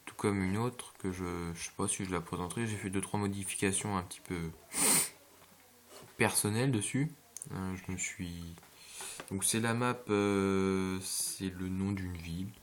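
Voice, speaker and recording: A man's voice: deep voice, a little hiss or hum. A man giving casual, rambling gameplay commentary with hesitations and jokey asides, recorded on a home computer mic. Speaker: gameplay video maker.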